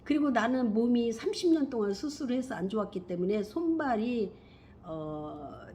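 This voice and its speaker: A middle-aged woman telling a personal spiritual story in a rambling, emphatic way, swinging from hushed to loud. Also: mid-range voice, slight background noise. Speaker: spiritual vlogger.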